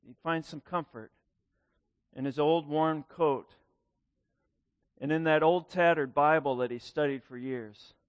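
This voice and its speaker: This is a lonely old apostle, as a preacher voices him, tender and pleading. The voice sits a touch higher than most men's but drops to a hush. It is heard up close in a dry setting. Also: male voice, fairly even intonation, a little slow, long pauses, no echo, natural voice.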